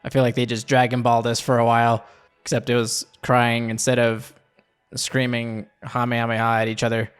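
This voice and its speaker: A man's voice: medium pitch, completely flat delivery, fairly quick, clear, resonant tone. A man giving casual, informal and sweary reaction commentary while watching an anime film. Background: faint music from the film.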